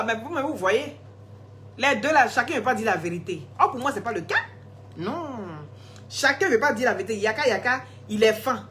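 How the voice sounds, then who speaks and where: A woman's voice: fairly high pitch, a bit bright. A woman chats on a phone live stream, answering viewers' comments one after another in a loose, teasing way. She laughs often as she talks. A faint hiss sits under her voice. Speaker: live-stream host selling skin products.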